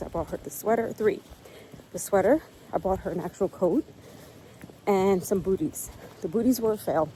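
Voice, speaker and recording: A woman's voice: medium pitch, warm tone, a little hiss or hum, low-quality recording. A middle-aged woman with a cold, chatting upbeat and straight to camera in a casual vlog. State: sniffly with a cold. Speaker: lifestyle vlogger.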